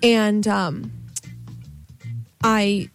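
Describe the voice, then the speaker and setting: A woman's voice: mid-range voice, fairly even intonation, drawn-out words, faint music behind. A young woman with dry, sarcastic humor, telling rambling stories in a casual chat in a radio studio. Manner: rambling storyteller. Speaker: former station manager, radio guest.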